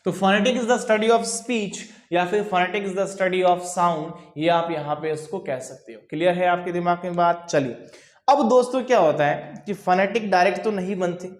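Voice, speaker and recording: A man teaching as a coaching instructor in a classroom lecture, repeating key phrases slowly and asking and answering his own questions. He speaks terms. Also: high voice. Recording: roomy echo.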